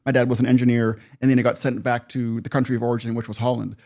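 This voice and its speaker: Canadian man, fifties, mid-pitched; reflective storyteller who gets animated and laughs easily. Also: very fast. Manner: reflective, animated when recounting, laughs often. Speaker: podcast guest, producer. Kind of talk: personal storytelling in conversation.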